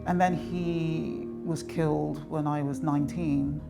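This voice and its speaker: A man born in Nigeria speaks in a measured, reflective interview tone, pausing now and then. His voice has a gravelly edge, and music plays behind him. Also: on the high side, flat delivery. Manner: reflective, measured, with some hesitations. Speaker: interviewee, son of an activist. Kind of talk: documentary interview.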